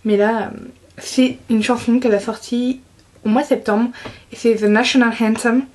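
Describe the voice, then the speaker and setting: A woman's voice: on the high side, steady tone, moderate pace, darkish tone. A young woman chatting casually about her monthly beauty favorites, enthusiastic and full of fillers and restarts. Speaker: beauty vlogger.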